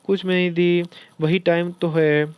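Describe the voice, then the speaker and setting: A man voicing a shy, sweet young woman employee who speaks softly and politely. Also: high voice, level tone, moderate pace, clean tone, no echo, close to an everyday voice.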